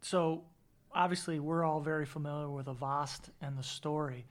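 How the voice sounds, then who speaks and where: A man hosts a podcast interview. His voice sits a little higher than most men's as he introduces and questions a guest. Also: fairly even intonation, moderate pace. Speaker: podcast host, sales and marketing executive.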